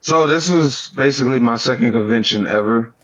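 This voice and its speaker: A man with a mid-pitched voice joins a casual podcast chat as a guest. He recounts his experiences in a relaxed, easygoing way. His voice comes through slightly dull, as on a lo-fi recording. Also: a little fast. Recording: dull, lo-fi sound.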